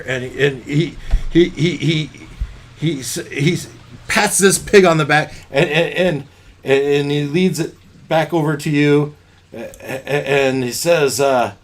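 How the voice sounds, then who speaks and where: Slow, stammering man game master. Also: a little high, steady tone. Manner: halting, stammering, many fillers. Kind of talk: narrating a tabletop game.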